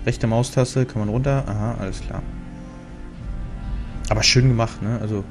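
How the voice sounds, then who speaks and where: A steady, medium-pitched German man speaks at normal speed while hosting a let's play. Talking through the menus over game music, he's chatty and rambling, often breaking off with fillers.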